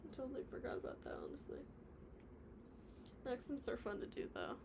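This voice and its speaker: A slightly high, briskly paced woman's voice swoops wildly in pitch as she live-streams her stop-motion animation from the floor at home. She chats casually, reads comments aloud and drifts into mumbled asides, with background noise present.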